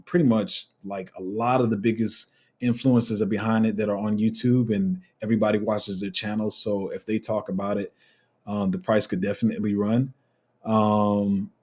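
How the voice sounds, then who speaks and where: A man with a low, slightly husky voice hosts a casual livestream. He reads viewer comments aloud and answers them in a loose, rambling way, full of ums and restarts. His delivery stays relaxed and conversational throughout. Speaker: crypto livestream host.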